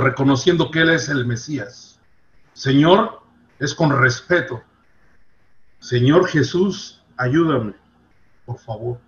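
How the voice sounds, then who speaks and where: Casting note: man, earnest devotional preacher, a bit high-pitched, lo-fi recording. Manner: earnest, rises and drops in loudness for emphasis. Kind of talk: devotional sermon.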